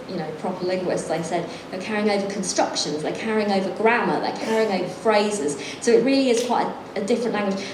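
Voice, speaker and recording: A woman of middle age, medium in pitch, reads a passage from her book at an event venue and then talks as a guest. The sound is roomy with a noisy background. She frequently laughs and makes self-deprecating remarks.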